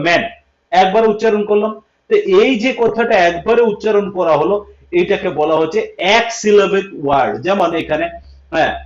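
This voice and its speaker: Male teacher, livestream lesson: high voice, repeats points and quizzes listeners, in a roomy, lo-fi recording. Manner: repeats points, checks understanding with questions. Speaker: English teacher. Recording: echoey room, dull lo-fi sound.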